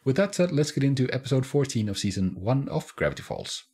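A man's voice: medium pitch, sing-song, fast talker, darkish tone, slightly rough. A man hosting a reaction video, making wry, chuckling asides. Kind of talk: casual reaction commentary.

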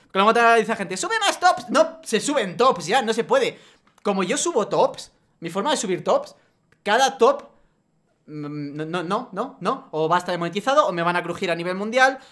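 Profane ranting man. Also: high-pitched. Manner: profane, exasperated ranting, swings from loud to muttering. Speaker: YouTuber. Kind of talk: ranting vlog monologue.

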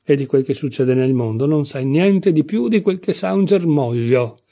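A man's voice: fairly high pitch, lively intonation, normal speed, warm tone, pitched above the performer's own voice. Man playing a haughty tiger lily. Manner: haughty, scolding. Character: proud, touchy tiger lily flower.

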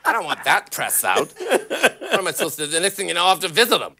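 A man's voice: huge pitch swings, fast talker, vocal fry, very noisy, exaggerated voice. An actor playing a pompous, clueless male celebrity interviewer who gushes, rambles and makes catty asides. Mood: gushing. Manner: gushing, rambling, swooping pitch, catty asides. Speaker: talk show host. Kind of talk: improvised comedy interview.

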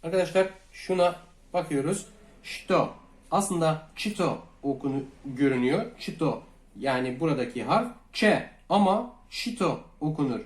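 A man from Turkey teaching a language lesson, calmly repeating each phrase twice and speaking to viewers as friends. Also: a little high, normal speed, roomy sound. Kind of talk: slow Russian lesson for Turkish learners.

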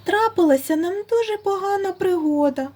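A woman's voice: very high-pitched, animated, moderate pace, a little mellow, faint music behind, voice pushed up. A woman voicing a small, timid but cunning male hare who speaks with exaggerated politeness. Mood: storytelling. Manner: very polite, pleading.

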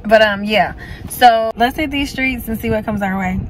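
A woman's voice: on the high side, moderate pace, background noise. A woman, chatting casually to her phone camera from a parked car and saying "like" and "y'all" often. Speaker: vlogger. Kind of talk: casual vlog chat to camera. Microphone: phone camera at arm's length.

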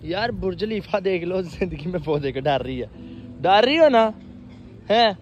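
A man's voice: high voice, animated, moderate pace, dull audio. A young man with a Punjabi accent, joking and teasing as he vlogs into a phone held at arm's length while walking through a busy mall. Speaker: vlogger. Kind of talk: casual vlog. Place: busy shopping mall and outdoor promenade. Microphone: phone camera at arm's length. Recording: crowd and street noise behind. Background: crowd chatter.

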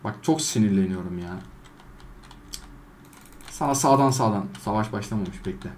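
A man doing gameplay commentary, trash-talking game characters and swinging between loud outbursts and low mutters. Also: moderate pace, a little hiss or hum. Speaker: gaming YouTuber.

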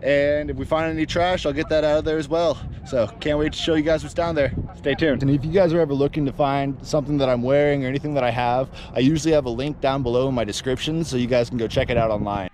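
A man's voice: mid-range voice, fairly even intonation, fast talker, few pauses, a little mellow. A man in his thirties, an eager treasure-hunting diver, talking casually to his vlog audience in an upbeat way. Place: outdoors by and in a lake. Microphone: action camera, worn or at arm's length. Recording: outdoor action camera with clear background noise.

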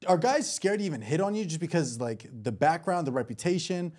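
A man's voice: on the high side, lively intonation, a little fast, darkish tone. A man riffing jokily with comparisons in casual podcast banter. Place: small indoor podcast studio. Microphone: close podcast microphone.

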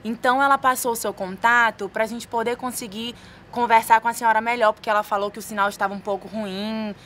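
A Brazilian woman talks politely, like a service agent on a call. Her voice is bright and rather high, with faint noise behind it. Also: steady tone, fast. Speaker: contestant making a prank call. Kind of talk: polite improvised customer-service phone pitch. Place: stone-walled room.

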